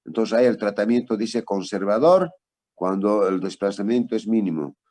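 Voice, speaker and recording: A low-voiced man gives a traumatology lecture. He tells a patient case in a relaxed, conversational way and asks for the next slide. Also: normal speed.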